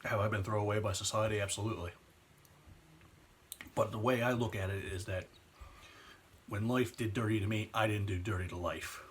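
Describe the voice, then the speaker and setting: A vlogger in his twenties speaks in a steady tone with a voice on the low side, against slight background noise. His personal vlog rant is earnest and emotional, and he drops his pace on the heavy points.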